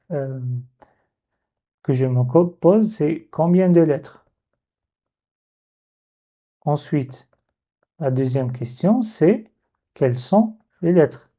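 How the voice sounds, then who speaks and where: Patient lesson teacher, unhurried and methodical, repeats each step, warm low-toned voice, muffled recording. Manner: patient, repeats questions and sounds slowly. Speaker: Arabic reading teacher.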